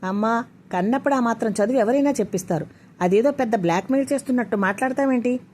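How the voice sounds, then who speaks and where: A woman's voice: a little high, expressive, fairly quick, darkish tone, a little hiss or hum, natural voice. A woman voicing a stubborn, defiant young man who talks curtly and insists on his way in a spoken story. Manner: curt, insistent.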